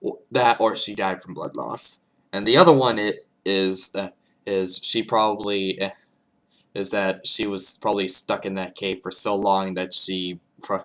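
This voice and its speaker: A man giving casual reaction commentary, halting and often repeating and restarting his phrases. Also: low-pitched, a bit bright. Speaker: reaction video host.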